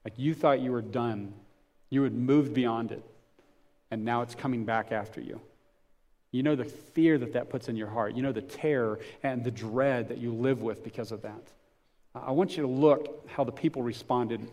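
A man's voice: medium pitch, normal speed, darkish tone. A man preaching a sermon as pastor, talking conversationally, with rhetorical questions and frequent restarts.

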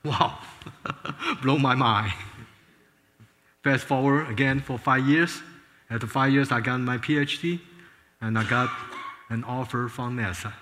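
Man in his 60s from Taiwan, earnest testimony storyteller, bright tone, big reverberant hall. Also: medium pitch, a little slow, pauses often, a little hiss or hum. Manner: earnest storytelling with frequent restarts. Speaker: former space scientist giving a testimony. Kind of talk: personal testimony talk.

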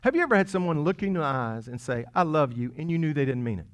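Male pastor, sermon, playful conversational delivery, loud emphasis, soft asides. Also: fairly high pitch, big pitch swings, rapid-fire. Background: congregation chuckling.

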